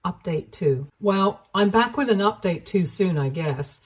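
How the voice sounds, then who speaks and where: A woman's voice: lowish voice, expressive, unhurried, slightly rough. Woman reading a drama story aloud. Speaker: story narrator.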